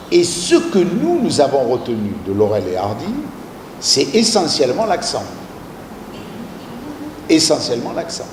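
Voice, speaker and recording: A man speaks to a live audience with an animated, rising and falling voice and a fairly high pitch, often checking in with his listeners through rhetorical questions. His voice carries a long reverb from a large echoey hall, with a faint room ambience behind it. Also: a little hiss or hum. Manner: engages listeners with rhetorical questions and frequent "hein". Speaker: speaker at a public talk and debate.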